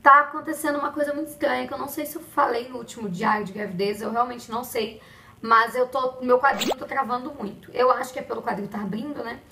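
Young Brazilian woman, vlog host, high bright voice, chatty and animated, echoey room. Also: fast, a little hiss or hum. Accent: Brazilian Portuguese. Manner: chatty, expressive, addresses viewers directly. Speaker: vlogger. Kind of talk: casual pregnancy diary vlog.

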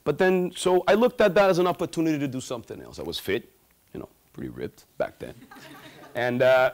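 A man's voice: medium pitch, brisk. A man, telling funny stories in a stage talk. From Guatemala. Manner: animated, gesturing, humorous storytelling. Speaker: student speaker. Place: large auditorium stage.

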